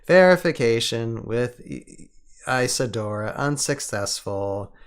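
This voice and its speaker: A hoarse-voiced man doing a robot voice as a cyborg soldier while reading a story aloud. He speaks in slow, clipped, monotone status readouts. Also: mid-range voice. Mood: robotic. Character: flat, lazy-sounding cyborg soldier reporting system status. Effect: robot voice done with his own voice, no filter.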